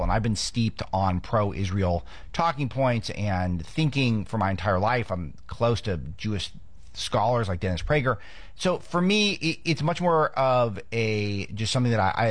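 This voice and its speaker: A man's voice: on the low side, no room sound. A man from Los Angeles hosting a political commentary show, talking off the cuff with frequent restarts. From Los Angeles, United States.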